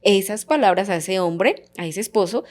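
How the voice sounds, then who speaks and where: A woman's voice: mid-range voice, animated, normal speed, darkish tone. A woman co-hosting a church couples ministry talk, explaining with example phrases.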